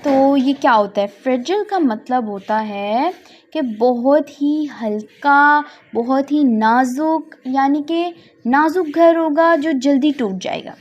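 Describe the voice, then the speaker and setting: A woman teacher narrates a tutorial over slides, going slowly and patiently. Her voice sits high. She repeats every question and translates each English line into Hindi as she goes. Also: a little mellow, highs cut off. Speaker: teacher explaining quiz answers.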